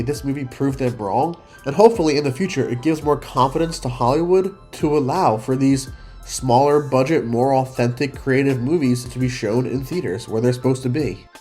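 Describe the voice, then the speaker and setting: A man gives scripted film commentary in an earnest, opinionated tone. His voice sounds sick and a little hoarse. Faint music plays softly underneath. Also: medium pitch. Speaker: film commentary video host.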